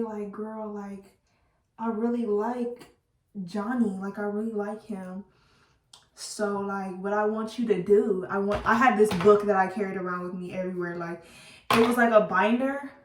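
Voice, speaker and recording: A woman telling a storytime to her viewers while doing her hair, chatty and animated, laughing at herself and using casual slang. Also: medium pitch, unhurried. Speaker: beauty vlogger. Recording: roomy, slightly distant mic.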